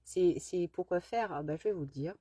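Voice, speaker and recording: A woman's voice: lowish voice, normal speed, warm tone, breathy edge. Chatty French-speaking woman showing off craft supplies. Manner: chatty, rambling, many fillers and restarts; mispronounces English product names playfully. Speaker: craft vlogger. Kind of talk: casual haul show-and-tell.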